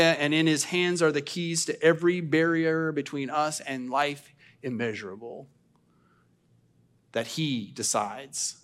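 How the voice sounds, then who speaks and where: A man speaking as a pastor, delivering a sermon and communion liturgy in a solemn, measured, declamatory manner. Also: a little high, fairly bright tone. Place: church service.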